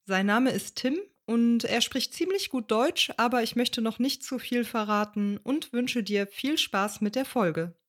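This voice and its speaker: A woman hosting a pronunciation podcast and interviewing her student, asking clear questions and laughing often. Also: a little high, expressive, a little slow, hardly any pauses. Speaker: podcast host and pronunciation teacher. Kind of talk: friendly interview.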